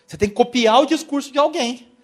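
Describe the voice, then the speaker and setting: A young man from Brazil giving a lively church lecture on worship, telling stories and acting out quotes. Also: extremely high pitch, quick pace. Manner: animated, storytelling, acts out quotes. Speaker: worship teacher. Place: church hall.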